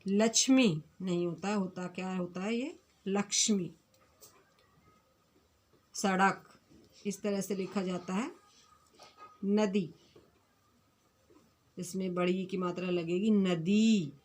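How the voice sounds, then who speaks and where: A woman's voice: medium pitch, fairly even intonation, a little mellow. A woman teaching a fifth-grade Hindi grammar lesson online, speaking in a patient, repetitive way and carefully correcting words one at a time. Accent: Punjabi. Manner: explains slowly and repeats corrections.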